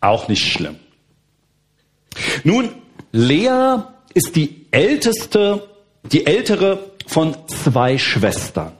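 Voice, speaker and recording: A middle-aged man from Berlin preaching a sermon as a guest pastor, relaxed and conversational with frequent fillers. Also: fairly high pitch, very slow, pauses often. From Berlin, Germany.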